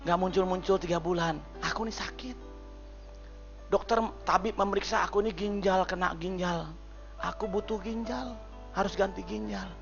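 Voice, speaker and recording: A man's voice: pushed and bright, lo-fi sound, soft background music. Man doing a sick, feeble old emperor. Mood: weak, ailing. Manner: slow, feeble, low voice. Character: sick, weary old emperor, soft-spoken.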